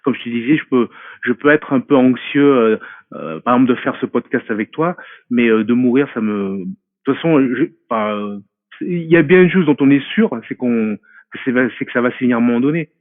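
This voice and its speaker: A man's voice: medium pitch, brisk, no echo. A man in his forties answers questions from afar, his voice thin and phone-like on a dry, close line. He thinks aloud, stumbling over fillers and repeating words as he gropes for the right phrase. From France. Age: 40s. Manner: hesitant and reflective, many fillers and restarts. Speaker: guest. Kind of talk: casual interview talk. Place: remote call from a mountain home.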